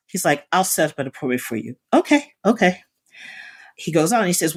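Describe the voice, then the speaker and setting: A woman hosting her own podcast, telling a personal story about therapy in a candid way, breaking into sarcastic asides. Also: low voice. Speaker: podcast host.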